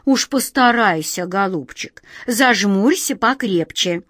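A woman reading a storybook and voicing a kindly, sly auntie who talks slowly and coaxingly. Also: mid-range voice, animated, fairly bright tone, dry recording, clean studio sound. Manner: slow, drawn-out, fond coaxing tone.

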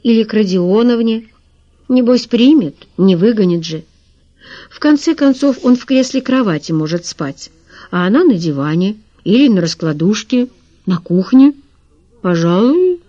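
A woman reads a novel aloud with calm, wry storytelling. Her voice is mellow and dark, in a middle pitch. The recording is dull and lo-fi. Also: normal speed, no echo. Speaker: audiobook narrator. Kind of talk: scripted narration.

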